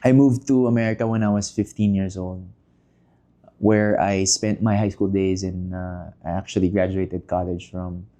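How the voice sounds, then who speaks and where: Filipino guest in his 30s, low mellow voice, measured and halting. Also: steady tone. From Philippines. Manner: measured, with many pauses and "uh" fillers, mixing Tagalog into English. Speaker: podcast guest, business leader. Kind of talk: casual interview talk.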